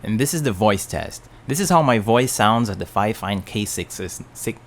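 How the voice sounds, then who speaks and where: A man's voice: on the low side, lively intonation, normal speed. A man giving a plain, explanatory product review at his home work desk, speaking into a desk mic on an arm. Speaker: tech reviewer.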